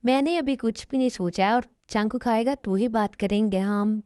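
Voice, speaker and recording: Easygoing father in a dubbed drama, woman doing him, calm and dismissive, mellow tone. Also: on the high side, moderate pace, no echo, clean studio sound, lightly acted. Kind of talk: amateur Hindi dubbed drama.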